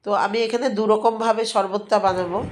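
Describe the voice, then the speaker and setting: Congested from a cold in both nose and throat, this middle-aged or older woman speaks with effort as she makes drinks at home, giving viewers chatty, homely step-by-step recipe narration as a cooking vlogger. Her medium-pitched voice is steady and brisk, and the kitchen is noisy with clinking dishes.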